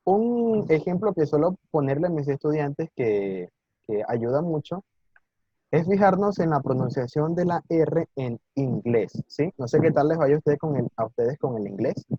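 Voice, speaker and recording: Animated and somewhat high-pitched, this male teacher runs a live online Mandarin lesson, frequently checking on his students and sounding words out slowly and distinctly in a patient, encouraging way. The audio is muffled, with no room sound.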